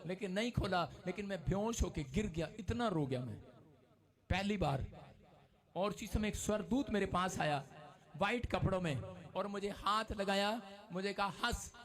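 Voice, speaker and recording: A male pastor preaching an emotional sermon, often shouting. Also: sits high, normal speed.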